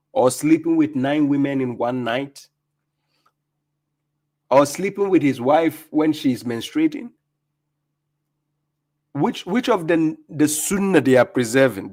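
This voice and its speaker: A man's voice: medium pitch, darkish tone. A Ghanaian man hosting a live stream, reacting to clips with mocking commentary, laughing often and repeating himself.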